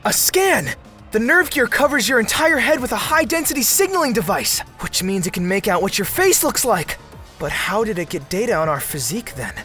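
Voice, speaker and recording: A man's voice: sits high, big pitch swings, brisk, fairly bright tone, soft background music. Man voicing an intense young anime gamer hero. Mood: realizing. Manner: dramatic, earnest delivery. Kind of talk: anime fan dub voice acting.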